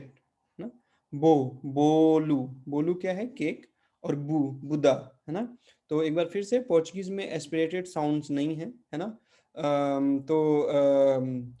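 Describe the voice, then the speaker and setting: A middle-aged man teaches a pronunciation lesson with a patient, repetitive manner. His voice sits a little high yet sounds warm and mellow. He often pauses to check that the class is following. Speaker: Portuguese teacher. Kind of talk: online language lesson in Hindi.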